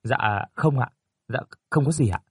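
A man voicing a timid young woman speaking softly and politely from a hospital bed. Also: mid-range voice, measured pace, slightly rough, no echo, clean studio sound. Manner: soft, shy, polite.

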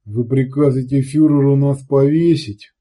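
Man doing a loud boastful redcap savage. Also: medium pitch, steady tone, breathy edge, close to an everyday voice. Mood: boastful whiny. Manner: loud, hurried, whiny boasting. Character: boastful male redcap savage, crude, excitable.

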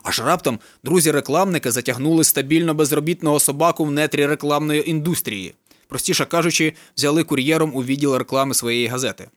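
A man reading a novel aloud in a wry, deadpan manner, with casual swearing. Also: a little high, fast talker, no echo, studio quality. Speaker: reader. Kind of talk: audiobook narration of a novel.

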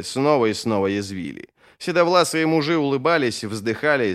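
A man narrating a fantasy novel as an audiobook reader in an expressive, scripted style. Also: medium pitch, clean tone. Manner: expressive, varied intonation.

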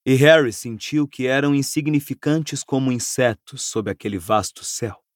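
A man with a Brazilian accent narrating an audiobook in an expressive, dramatic reading. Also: mid-range voice, normal speed, no room sound, studio quality. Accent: Brazilian Portuguese. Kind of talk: scripted narration.

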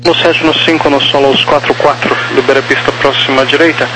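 A man working as an air traffic tower controller, giving clipped procedural clearances over crackly aviation radio. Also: mid-range voice, fairly even intonation, quick pace. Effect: crackly two-way aviation radio.

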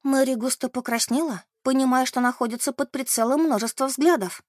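A woman narrating an audiobook in an expressive, animated way. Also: high voice, a little fast, dry recording, clean studio sound.

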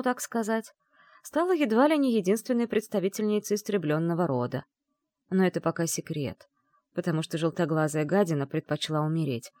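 A woman reads a first-person fantasy audiobook in a chatty, expressive way. Her voice sits a little low yet moves widely in pitch. The recording is dry and close. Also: no echo. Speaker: audiobook narrator.

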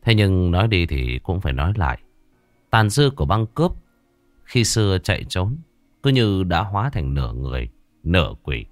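Narrating a ghost story with slow pauses, a very deep-voiced man keeps things dramatic and suspenseful, his pitch swinging lively between highs and lows. It's a dry, close-miked recording with faint music in the background.

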